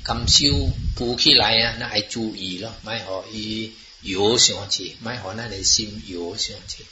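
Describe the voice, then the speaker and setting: A man's voice: lowish voice, moderate pace. A man talking casually and at length, rambling along with many fillers and switching between languages. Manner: rambling, mixes in Chinese and English words, many "ah" fillers. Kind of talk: casual explanatory talk. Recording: muffled, roomy, noisy recording.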